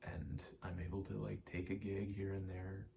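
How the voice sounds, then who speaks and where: A young American man in his twenties, an ASMR rambler and aspiring actor, chats casually and candidly, swearing now and then. His low, mellow voice carries vocal fry and a completely flat delivery at normal speed. There's slight background noise.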